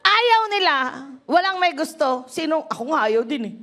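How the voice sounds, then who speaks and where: A middle-aged woman pastor, giving an animated testimony sermon. She moves from laughing and shouting to soft, low tones. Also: normal speed, slight background noise.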